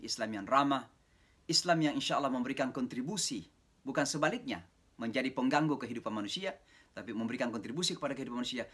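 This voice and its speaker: A man delivering a religious lecture over a video call. He tells stories with lively, animated voices for the people in them and slips English phrases into his talk. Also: lowish voice. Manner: animated storytelling, mimics voices of listeners, mixes English phrases. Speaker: preacher giving a talk.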